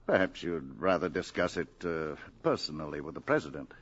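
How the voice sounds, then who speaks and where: An actor playing a polite, hesitant male government secretary in a 1950s radio drama, often pausing with "uh". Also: extremely low pitch, sing-song, a bit bright, breathy edge, heavily acted. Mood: uneasy. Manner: polite, hesitant, with many uhs.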